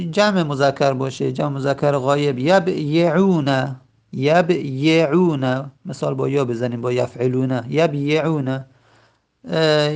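A man teaching a grammar lesson. He says the example words slowly and drawn out, then explains quickly. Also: on the high side, gravelly.

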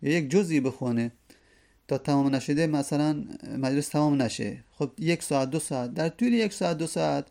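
A man teaching a lesson, who reads classical verses slowly and then explains them at length. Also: fairly high pitch, gravelly, warm tone. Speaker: teacher of hadith studies.

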